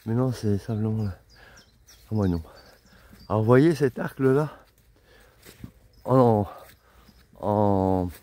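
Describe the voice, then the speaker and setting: A middle-aged man with a dark, mellow voice rambles happily to a handheld camera while walking outdoors. His talk is loose and chatty, full of little exclamations of wonder. Faint animal sounds drift in from the open countryside behind him. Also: medium pitch, no room sound. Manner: chatty, rambling, easily amazed. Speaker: walking pilgrim vlogger. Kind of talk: casual vlog narration while walking.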